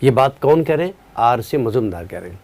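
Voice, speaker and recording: A male teacher running a live online exam-prep class, explaining at a relaxed, unhurried pace, quizzing students and answering their chat, tired at the end of a long day. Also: medium pitch.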